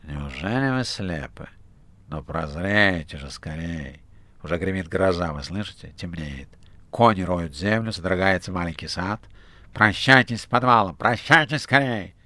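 A man reading the part of a sly male demon who coaxes and gently mocks, in an audiobook. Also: sits low, expressive, unhurried, dry recording, exaggerated voice. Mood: coaxing. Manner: soothing, gently mocking. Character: sly coaxing male demon, smooth and persuasive. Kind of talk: audiobook character voice.

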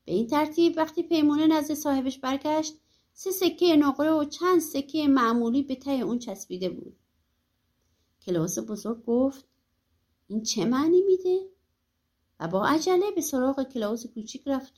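High-voiced woman narrating a folk tale. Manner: lively, animated storytelling. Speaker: audiobook narrator. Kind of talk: expressive storybook narration.

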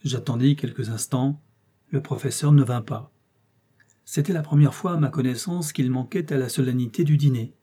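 A man reads a classic novel aloud as an audiobook narrator, measured and wry. His voice is dark and husky at a middle pitch. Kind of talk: scripted narration.

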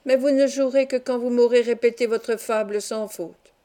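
A woman reading the part of a strict but tender mother in an audiobook, speaking gently yet firmly. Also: a little high, steady tone, moderate pace, lightly acted.

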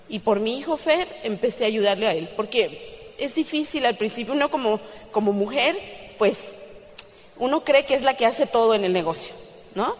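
A Mexican woman giving a lively testimonial to an audience, acting out the dialogue of her story and laughing often. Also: fairly high pitch. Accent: Mexican Spanish. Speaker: speaker at a business convention. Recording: long hall reverb.

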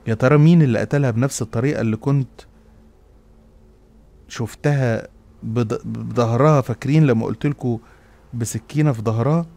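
A man's voice: medium pitch, a little fast, creaky, pauses often, mellow, dry recording. A man with an Egyptian accent narrating a first-person horror story in a dramatic, confessional way.

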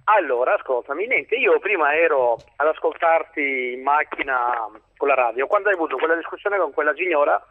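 A man's voice: on the high side, lively intonation, brisk, no room sound. Male caller, earnest and preachy, dry tinny phone line. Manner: earnest, moralizing. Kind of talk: phone-in complaint. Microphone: telephone.

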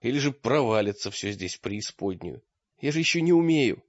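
A man's voice: mid-range voice, lively intonation, moderate pace, no room sound, natural voice. Young wizard voiced by a man, hesitant, worried, audiobook, dry, dull sound. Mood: anxious. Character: young anxious male apprentice wizard.

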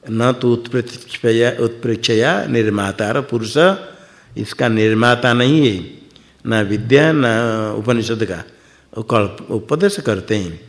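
Man teaching scripture, questioning aloud. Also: mid-range voice. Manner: asks and answers his own questions, repeats words for emphasis. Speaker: Vedanta teacher. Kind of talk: scripture lecture.

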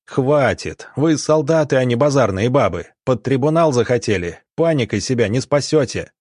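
A man's voice: fairly low pitch, expressive, unhurried, slightly rough, no echo, clean studio sound. A man reading aloud and voicing a field doctor who gives firm, terse commands. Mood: stern. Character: calm authoritative field doctor, middle-aged man.

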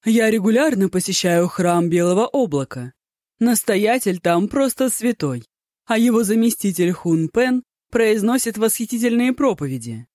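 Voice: medium pitch, expressive, moderate pace, a little mellow, no room sound, clean studio sound, voice pushed up, lightly acted. A narrator voicing a flamboyant, tipsy male poet who is effusive and theatrically pleased with himself. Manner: effusive, theatrical, self-satisfied.

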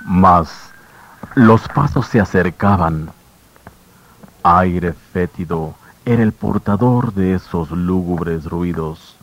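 This is scripted dramatic radio narration: a man with a very deep voice recounts a dark story slowly and gravely, each line measured. The audio is muffled with a faint hiss, giving it the sound of an old-time radio broadcast.

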